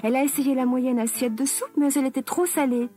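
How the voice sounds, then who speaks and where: A woman narrating a children's story slowly and expressively. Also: high-pitched, soft background music. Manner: slow, expressive, lively.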